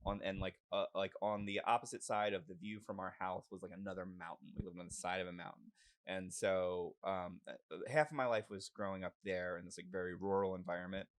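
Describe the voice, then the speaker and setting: A man's voice: deep voice, level tone, fairly quick. A middle-aged American man from West Virginia and Maryland chatting casually as a guest, rambling and self-deprecating. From West Virginia and southern Maryland, US. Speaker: interview guest. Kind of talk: casual chat.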